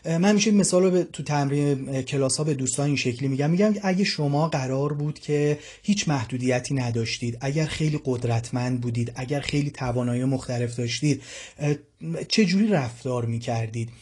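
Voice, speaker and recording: A man's voice: medium pitch, a little mellow, breathy edge. A man in his thirties giving an informal self-help lesson as a communication coach, conversational, full of everyday examples and fillers.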